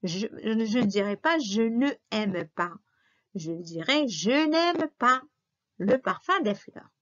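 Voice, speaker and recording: A woman gives a slow, careful grammar lesson and repeats every example so that young pupils can follow. Her voice sits at a middle pitch. The recording sounds dull and lo-fi. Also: animated, fairly bright tone. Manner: patient, repeats and spells out examples. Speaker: teacher. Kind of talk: slow classroom grammar review.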